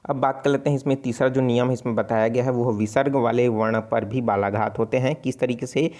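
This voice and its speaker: Hindi tutor with Chhattisgarhi accent. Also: male voice, mid-range voice, fairly even intonation, brisk, darkish tone. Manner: explanatory, repeats sounds aloud, frequent self-corrections. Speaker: online exam tutor. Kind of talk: casual spoken lesson.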